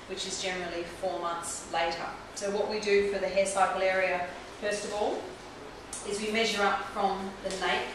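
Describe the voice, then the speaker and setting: A woman in her forties, a trichologist, explains a technique step by step while working on a client in a small clinic room, recorded by a camera mic across the room. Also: medium pitch. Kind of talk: hands-on instructional demonstration. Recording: roomy echo from a distant camera mic, clear background hiss.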